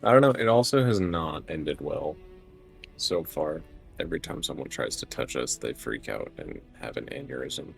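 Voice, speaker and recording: A man's voice: a bass voice, animated, normal speed, creaky, soft background music. A man doing casual livestream commentary on a game, talking in a wry, joking way. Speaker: game streamer.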